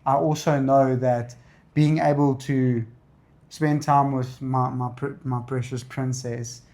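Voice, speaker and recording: A man's voice: mid-range voice, little pitch movement, slow pace, darkish tone. A South African man, a native Afrikaans speaker with an Afrikaans accent, chatting casually in a Q&A. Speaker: content creator. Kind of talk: casual Q&A chat.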